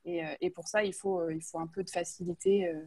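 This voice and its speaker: Husky woman on a dry mic. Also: lowish voice, flat delivery, fast talker, warm tone, no room sound. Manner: chatty, hesitant, many fillers. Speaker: alumna guest. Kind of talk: video call panel discussion. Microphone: video call.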